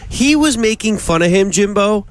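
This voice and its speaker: A man's voice: high-pitched, expressive, normal speed, dry recording. A man co-hosting a fishing talk show, bantering playfully. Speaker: co-host.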